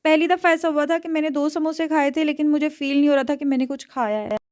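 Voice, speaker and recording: A woman's voice: high-pitched, fairly even intonation, quick pace, darkish tone, no room sound, clean studio sound. A young woman, chatting casually to her viewers in a family vlog. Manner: chatty, addresses viewers directly. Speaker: family vlogger.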